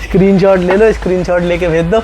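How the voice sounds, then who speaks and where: A high-pitched man presents shop stock on video. He delivers an insistent teleshopping-style pitch, repeating prices and offers. The recording has clear background noise. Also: level tone, fast, warm tone, rough recording. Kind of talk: sales pitch.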